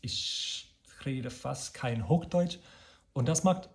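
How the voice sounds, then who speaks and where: A man from the United States, a native English speaker, talks casually to his channel in halting non-native German with an American accent, often correcting himself as he searches for words. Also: medium pitch, gravelly. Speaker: video channel host. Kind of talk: casual personal vlog monologue.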